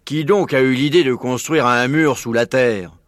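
A man reading a storybook aloud and voicing Badger, a kind, honest male badger who speaks in an earnest, unhurried way. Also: mid-range voice, no room sound, clean studio sound, voice pushed up, natural voice. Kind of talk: audiobook reading.

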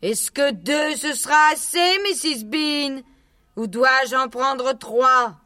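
A man reading aloud and voicing a fat, fussy female cook, in a slow falsetto. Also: pushed and bright, clear, resonant tone, no room sound, clean studio sound, heavily acted. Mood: fussing. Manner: slow, sing-song falsetto.

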